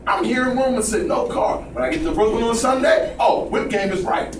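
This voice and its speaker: A man with an extremely high pitch and brisk delivery gives a blunt, profane, preachy motivational talk to a small audience in an indoor room, asking the room to agree with him. The recording is from far off in an echoey, noisy room.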